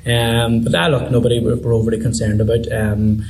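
A man with an Irish accent from Donegal speaks very quickly in a low-key, even tone, as a team manager in an interview. He often repeats phrases, and there is some background noise. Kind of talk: post-match interview talk.

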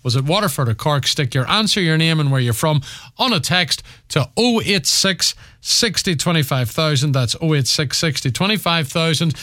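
A man with an Irish accent presenting sport on the radio in a clear announcing style. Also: fairly high pitch, animated, normal speed, sharp tone, no room sound, clean studio sound. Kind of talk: broadcast presenting, competition announcement.

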